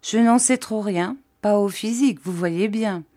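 A woman's voice: mid-range voice, unhurried, dark tone, voice pushed up, close to an everyday voice. A woman voicing a cheerful, cordial old fisherman who talks with open enthusiasm. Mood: hearty.

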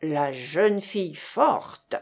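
A woman's voice: deep voice, expressive, extremely slow, pitched below the performer's own voice, exaggerated voice. A woman voicing a tall bearded young man student who teases his friends. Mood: teasing.

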